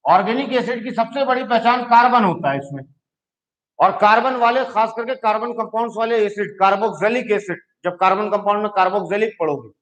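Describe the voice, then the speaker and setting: A man's voice: high voice, low-quality recording. A man teaching a chemistry lesson, explaining step by step and often checking in with his students. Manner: explains patiently, checks in with "ठीक है". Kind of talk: classroom lecture.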